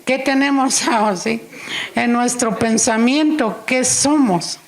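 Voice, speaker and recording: Slow, gravelly woman preacher. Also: fairly high pitch. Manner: unhurried, acts out the story's dialogue. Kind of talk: sermon storytelling. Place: church.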